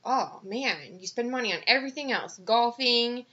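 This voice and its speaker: Twenties woman, blunt and profane in casual chat; bright tone, slightly dull recording. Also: on the high side, animated, normal speed. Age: 20s. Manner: blunt, swears freely, laughs often.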